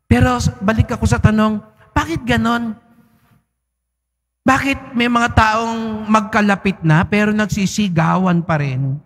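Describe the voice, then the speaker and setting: A man's voice: high-pitched, measured pace, pauses often, a bit bright. A man, a priest giving a Sunday homily in a large church, speaks conversationally with teasing asides and frequent tag questions. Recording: long church reverb.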